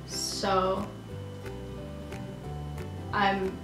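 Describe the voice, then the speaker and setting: A young adult woman from the Philippines, raised in Canada, answers viewer questions in a casual chat that's giggly, full of "like"s and restarts. Her mid-range voice is completely flat with drawn-out words, and the rough recording is reverberant with music underneath.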